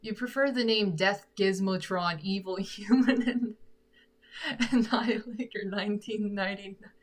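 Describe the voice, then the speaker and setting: A young Korean woman, a singer-songwriter, chats casually with viewers in a medium-pitched voice at a moderate pace. She answers live comments, giggling and thinking out loud.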